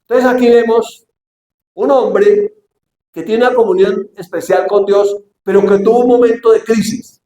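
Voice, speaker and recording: Male pastor, higher voice, questioning sermon style, echoey hall with faint background noise. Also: fairly even intonation, normal speed, mellow. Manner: preaching with frequent rhetorical questions to the congregation.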